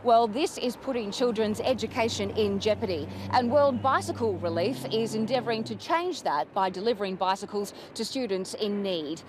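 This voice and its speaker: A woman news presenter frames the story and puts questions to her guests in a clear, brisk manner. Her pitch is average for a woman, with a faint hiss of noise behind her. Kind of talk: news interview.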